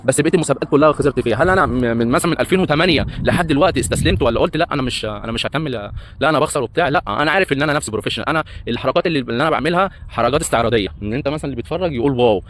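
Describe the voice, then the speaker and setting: A breakdancer and hotel entertainer in his thirties tells his life story in a casual, rambling monologue full of hesitant fillers, speaking with an Egyptian Arabic accent. His mid-range voice is expressive and a bit bright, and he races along over slight background noise.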